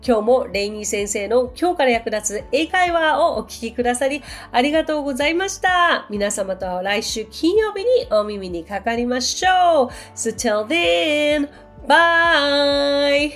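A woman's voice: fairly high pitch, very animated, normal speed, hardly any pauses, soft background music. A woman teaching English on her podcast in a friendly, chatty way, with many fillers. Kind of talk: casual podcast lesson. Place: Tokyo.

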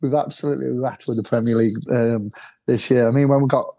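A man's voice: medium pitch, steady tone, fast talker, gravelly, warm tone. A man co-hosting a football fan podcast, chatting casually and rambling, with repeated words and easy laughs.

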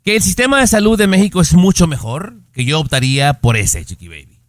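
A man's voice: on the high side, animated, a little fast, no room sound, studio quality. A man co-hosting a casual chat show, telling stories in an emphatic, playful way. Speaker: co-host.

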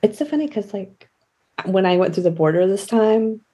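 A woman's voice: mid-range voice, lively intonation, normal speed, dark tone. A woman chatting casually as a podcast co-host, rambling through anecdotes. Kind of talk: casual chat.

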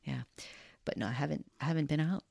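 Deep-voiced woman in easy chat. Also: quick pace, gravelly, warm tone, dry recording, studio quality. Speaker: podcast co-host. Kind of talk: casual chat.

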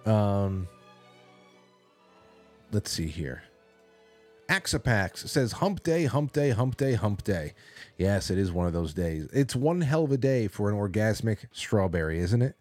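A man with a smooth radio host delivery, chatting casually and taking listener calls on his show. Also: on the low side, big pitch swings, a little slow, pauses often, a little mellow, soft background music. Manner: conversational, with frequent fillers.

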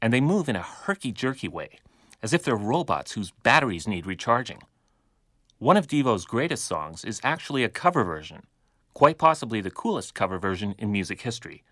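Male radio host, low and dry, measured narrator. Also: sing-song, fairly bright tone, dry recording. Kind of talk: scripted narration and interview.

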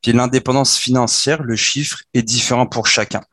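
A Québécois man in his thirties explains savings and retirement numbers in casual podcast chat. He talks fast, restarts his sentences and gets animated. The sound is dry and close, with almost no room. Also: medium pitch, no echo. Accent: Québécois French. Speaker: podcast co-host explaining personal finance.

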